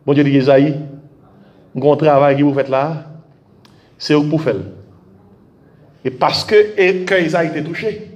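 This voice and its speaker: A man preaches a fervent sermon, his voice sitting high for a man and breaking out into shouts. The sound rings around an echoey church room. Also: steady tone, measured pace, pauses often, muffled recording. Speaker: pastor. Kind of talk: French sermon.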